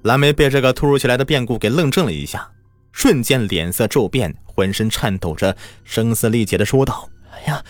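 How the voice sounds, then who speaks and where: A man telling a spoken folk tale, narrating in an expressive, dramatic way. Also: mid-range voice, brisk, dry recording, faint music behind. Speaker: storyteller.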